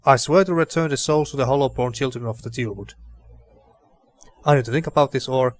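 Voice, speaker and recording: A man's voice: medium pitch, a little fast. A man hosting a let's play, commenting and reading game text aloud, often repeating and rephrasing himself.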